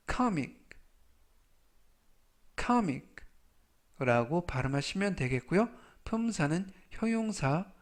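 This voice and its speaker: A man teaching English vocabulary, saying each word slowly several times and then explaining its meaning and usage. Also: on the high side. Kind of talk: vocabulary lesson with spelled-out pronunciation drills.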